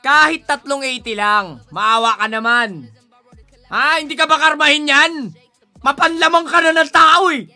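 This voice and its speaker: A man giving casual gaming commentary, excitable, pleading and shouting at the game as he plays. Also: very high-pitched, a little slow, soft background music. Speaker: gaming streamer.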